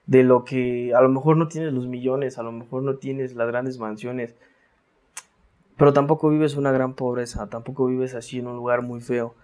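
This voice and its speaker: A man's voice: medium pitch, flat delivery, normal speed, darkish tone. A Mexican man talking casually as an interview guest, slangy, with many restarts and tag questions. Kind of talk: casual reflective interview talk.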